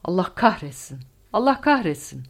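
A woman voicing a stern male German colonel in an audiobook, with loud bitter outbursts. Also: fairly low pitch, very animated, brisk. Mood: bitter anger.

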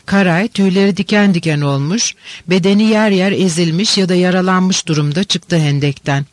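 High-voiced man reading a novel. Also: no echo. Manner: steady, measured storytelling. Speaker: audiobook narrator.

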